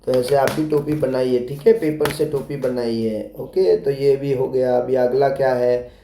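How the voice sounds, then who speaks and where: Male teacher, slow and mellow, patient with little ones, roomy sound. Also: mid-range voice, steady tone, a little hiss or hum. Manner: slow, patient, spells words out letter by letter. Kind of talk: explaining a textbook lesson to young children.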